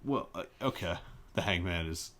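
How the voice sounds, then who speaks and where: Man, podcast co-host, very low voice, dry wit, casual chat. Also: expressive, normal speed, a bit bright. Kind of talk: casual book discussion.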